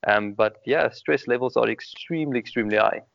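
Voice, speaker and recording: A young South African man with a South African accent is a guest in a casual interview, speaking earnestly and repeating words, with lots of "um"s and frequent use of "extremely." His mid-range voice is brisk, creaky, and a little bright, with no echo. The recording is dry, dull, and lo-fi.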